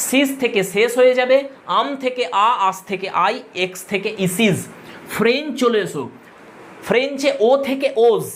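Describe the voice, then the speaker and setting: A teacher giving an exam-prep grammar lesson, repeating rules drill-style, spelling words out letter by letter and correcting pronunciation. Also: mid-range voice. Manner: addresses students directly and corrects pronunciation.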